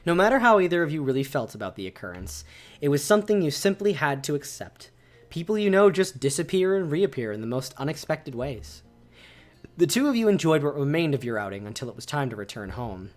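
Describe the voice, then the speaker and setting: A man's voice: on the high side, very animated, brisk. A male streamer reading a visual novel aloud, reacting animatedly to its choices.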